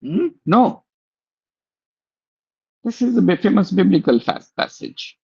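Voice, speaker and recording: A man teaching a class, explaining slowly with many pauses and fillers and asking his students questions. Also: sits high, very animated, gravelly, darkish tone, slightly rough, highs cut off. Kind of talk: classroom lecture.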